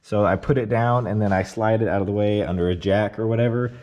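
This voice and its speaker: A man's voice: fairly low pitch, quick pace. A man casually talking viewers step by step through timing a car engine while he works on it in a garage. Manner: relaxed step-by-step explaining, addresses viewers directly. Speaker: car repair vlogger. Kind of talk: casual how-to tutorial.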